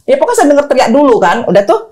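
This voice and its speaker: A middle-aged woman telling her story in an interview, animated, acting out quoted dialogue. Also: high voice, rapid-fire, over a noisy crowd. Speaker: guest, wife of the accused.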